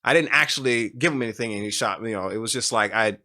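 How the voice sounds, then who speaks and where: A man talks fast through a personal story, his voice bright and forward. He rambles, restarts his sentences and fills gaps with "you know" as the memory gets to him. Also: fairly low pitch. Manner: rambling, emotional, many restarts and fillers. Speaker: podcast guest. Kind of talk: casual storytelling.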